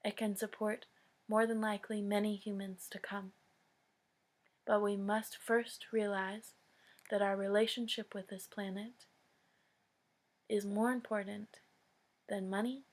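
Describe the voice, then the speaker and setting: An American woman with a mid-range voice gives an earnest public address. She speaks solemnly and deliberately, in short phrases separated by long pauses.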